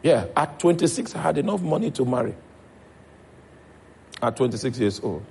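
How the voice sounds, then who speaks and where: A man's voice: mid-range voice, animated, moderate pace, creaky, a little mellow, slightly rough. A man with a Nigerian accent preaching a sermon as pastor, checking in with his congregation as he goes.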